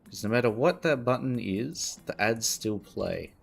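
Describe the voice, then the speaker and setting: A man's voice: mid-range voice, expressive, measured pace, creaky, breathy edge, soft background music. A male streamer chatting casually while he plays, laid-back and self-mocking. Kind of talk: casual chat while playing a game.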